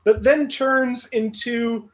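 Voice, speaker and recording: A man's voice: very high-pitched, steady tone, slow pace, fairly bright tone. A man hosting a movie trivia game show, reading clues with dry, mock-serious humor.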